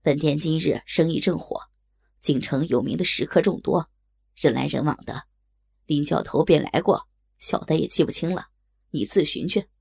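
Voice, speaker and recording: Brief: woman doing low, gravelly, husky male waiters; offhand, brusque. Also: animated, unhurried, pauses often, a little mellow, no room sound, heavily acted. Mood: impatient. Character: gruff common men, tavern waiters. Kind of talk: storytelling voice acting.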